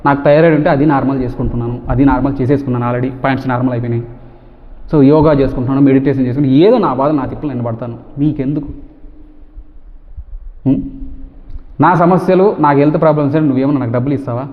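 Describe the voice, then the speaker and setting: A man vlogging to camera, talking fast and forcefully and firing off repeated rhetorical questions. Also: mid-range voice, fairly even intonation. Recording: tinny phone-like sound with long reverb.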